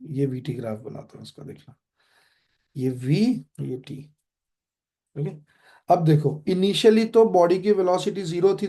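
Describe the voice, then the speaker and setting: A man with an Indian accent teaching physics online, quizzing students with quick questions and switching between Hindi and English. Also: on the high side, dark tone. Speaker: physics tutor. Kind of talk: online classroom lecture.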